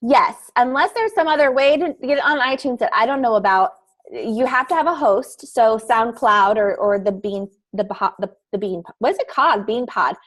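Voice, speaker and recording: Her voice a little high and fairly bright, this woman talks at normal speed on a video call. She's a guest speaker explaining podcast startup in a casual, rambling how-to chat, frequently hunting for the right word.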